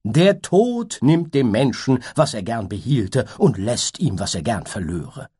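A man putting on a giddy little butterfly minstrel, lifted high above his husky speaking voice and swooping all over. He draws his phrases out in a playful sing-song, like a storybook character half-singing every line. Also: big pitch swings, measured pace, warm tone. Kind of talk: storybook reading.

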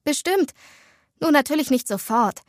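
A chatty, playful teenage schoolgirl with a fairly high, bright voice, as a woman puts her on. She tells her story with dramatic flair and loves to tease her best friend. The storybook reading is close and dry, with no room sound. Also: lively intonation, dry recording. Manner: bubbly, quick, dramatic. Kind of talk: storybook dialogue.

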